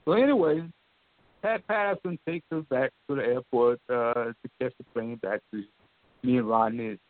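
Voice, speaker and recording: An older man telling an animated story in a folksy way, repeating himself and addressing the listener directly. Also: mid-range voice, moderate pace, no room sound. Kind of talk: excited storytelling. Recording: dry, tinny phone line.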